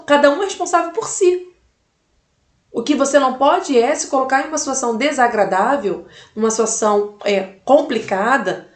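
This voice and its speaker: A woman's voice: high-pitched, echoey room. A mother giving life advice in an emphatic motivational talk, repeating key phrases and asking the listener direct questions.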